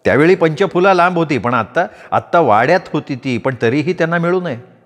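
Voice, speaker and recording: A man narrating a novel aloud as a storyteller, with an expressive, varied delivery. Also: on the high side, brisk. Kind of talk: dramatic audiobook narration. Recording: long reverb.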